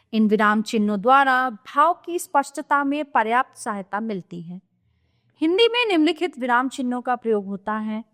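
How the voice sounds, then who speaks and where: A woman teacher giving a scripted grammar lesson to children, explaining clearly and steadily. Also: on the high side, fairly bright tone.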